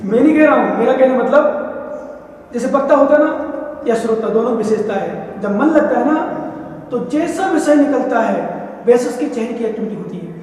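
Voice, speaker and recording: High-voiced monk preaching in an echoey hall. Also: male voice, lively intonation, moderate pace, a little mellow, far from the mic. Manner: conversational, often checks the listeners understand. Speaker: Jain monk giving a sermon. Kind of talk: sermon.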